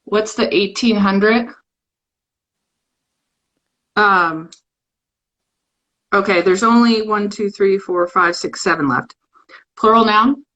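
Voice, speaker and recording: A woman's voice: mid-range voice, takes it slowly, long pauses, a bit bright, low-quality recording. Casual woman host of a live-stream show, playful and chatty, on a phone or webcam mic. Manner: chatty and playful, reading a fill-in word game aloud.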